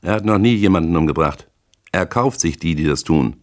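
Deep-voiced man narrating a crime audiobook. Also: expressive, fairly quick. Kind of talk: scripted first-person crime narration.

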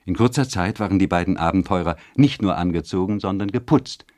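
Male narrator, deep low voice, steady literary audiobook reading. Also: brisk, no room sound, clean studio sound. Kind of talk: scripted narration of a classic novel.

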